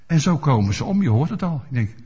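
A man's voice: fairly high pitch, sing-song, fast, dark tone, husky. A male preacher giving a sermon, asking his listeners rhetorical questions and explaining scripture with everyday examples. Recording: dull lo-fi recording.

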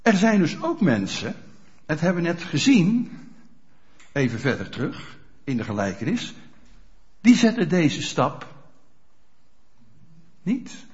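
A pastor preaching a sermon in a church, speaking straight to the congregation with frequent rhetorical questions. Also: male voice, on the high side, takes it slowly, long pauses. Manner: animated, addresses congregation directly with rhetorical questions. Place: church hall. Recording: dull lo-fi church recording.

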